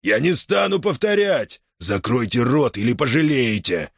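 A man's voice: mid-range voice, big pitch swings, moderate pace, breathy edge, no room sound, studio quality, pitched above the performer's own voice. A man doing a menacing jail commandant. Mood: threatening. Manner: condescending, menacing, hissing threats. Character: stern condescending male jail commandant, threatening. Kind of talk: audiobook character voice.

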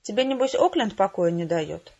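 Breezy and theatrical, this fussing PR lady talks down to her friend in a chummy way, as a woman reading aloud puts her on. Her voice has a husky, breathy edge. It comes through a slightly dull, muffled home recording. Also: mid-range voice, animated, moderate pace, mellow. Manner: breezy, fussing, playfully condescending. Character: brisk chummy female PR agent, theatrical.

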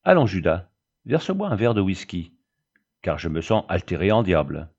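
A man's voice: low-pitched, huge pitch swings, normal speed, a little mellow, husky, heavily acted. A man reading the part of a drunk, hot-tempered frontier captain who blusters and threatens. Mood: angry. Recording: dull lo-fi recording.

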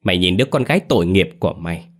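A man reads an old grandmother in a told ghost story, furious and harsh as she scolds her son, on a deep, low voice with little change from the teller's own. The scolding lines come quick and cutting. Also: expressive. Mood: angry scolding.

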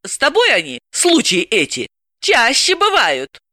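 A woman's voice: fairly high pitch, wildly swooping pitch, measured pace, pushed and bright, no room sound, studio quality, pitched above the performer's own voice, exaggerated voice. A woman reader voicing an indignant, ironic female psychoanalyst. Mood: exasperated. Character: exasperated sharp-tongued woman psychoanalyst.

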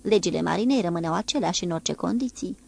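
Woman narrating with a gravelly edge. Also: lowish voice. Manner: steady, measured reading. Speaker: audiobook narrator. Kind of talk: audiobook narration of a naval novel.

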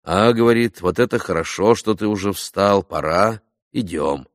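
A man voicing a cheerful young army lieutenant in an audiobook, brisk and hearty. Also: fairly low pitch, dry recording, clean studio sound, natural voice.

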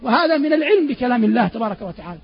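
A man's voice: very high-pitched, sing-song, racing, creaky, slightly rough, highs cut off. A male preacher teaching Quran commentary. He asks his listeners questions and answers them himself, and he chants the verses as he quotes them. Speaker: Islamic preacher.

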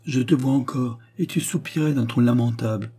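A gentle, hesitant father, voiced by a male reader, speaks softly and with embarrassment to his daughter. His voice is warm, husky and mellow in this audiobook scene. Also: mid-range voice, fairly quick, close to an everyday voice. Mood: tender. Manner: mild, embarrassed, timid. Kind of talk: audiobook character reading.

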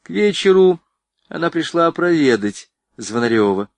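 A man's voice: a little high, moderate pace, no echo. A man narrating a novel expressively as an audiobook reader. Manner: expressive, varied voicing. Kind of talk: scripted narration.

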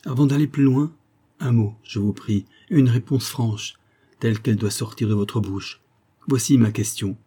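Man doing an earnest colonel, measured, mellow, husky. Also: medium pitch, close to an everyday voice. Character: earnest reserved male colonel, lover.

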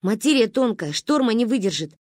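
A woman's voice: on the high side, sing-song, fairly quick, a little mellow, dry recording, studio quality. A woman doing a know-it-all little girl. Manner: matter-of-fact, dismissive.

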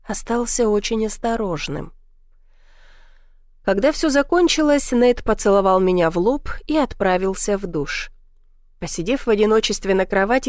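A woman's voice: medium pitch, a little mellow, dry recording, studio quality. A woman narrating a first-person novel as an audiobook, reading emotively.

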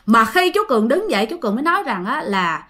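A woman's voice: fairly high pitch, big pitch swings, fast talker, bright, forceful tone. A woman telling a ghost story in a chatty, casual way, speaking directly to her listeners.

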